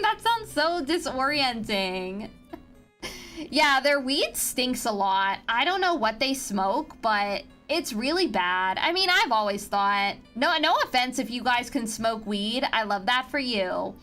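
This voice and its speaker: High bright-voiced young woman rambling to chat at home, giggles a lot, some music in the back. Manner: giggly, chatty, teasing, many restarts. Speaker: streamer. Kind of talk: casual chat with stream viewers. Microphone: home streaming mic.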